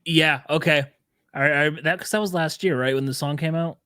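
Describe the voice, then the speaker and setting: A man's voice: on the high side, fairly even intonation, moderate pace, sharp tone, smooth, no echo. A young man co-hosting a podcast, joking and swearing in offhand casual chat. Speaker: podcast co-host.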